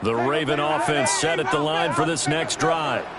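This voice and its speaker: A man playing a TV play-by-play football announcer in a video game, calling each snap in a crisp broadcast manner. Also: on the high side, moderate pace, close to an everyday voice. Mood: steady. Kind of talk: sports commentary. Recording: loud game crowd noise.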